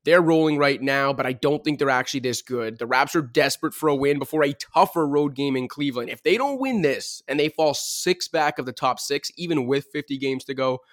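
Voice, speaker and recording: A man hosts a casual sports podcast with lots of energy, reeling off numbers in long runs. His voice sits at a middle pitch. The recording is close and dry, with no room sound. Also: fairly quick, hardly any pauses, no echo. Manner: energetic, talks in long stat-heavy runs. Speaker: podcast host.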